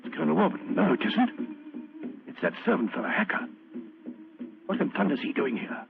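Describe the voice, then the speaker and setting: An actor playing a hearty, earnest doctor and loyal sidekick in a radio drama, blustery and genial, with a British accent. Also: male voice, on the high side, very animated, brisk, creaky, narrow, tinny audio, music in the background, exaggerated voice. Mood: hushed indignation. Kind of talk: old-time radio drama acting. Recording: noisy, thin old radio recording.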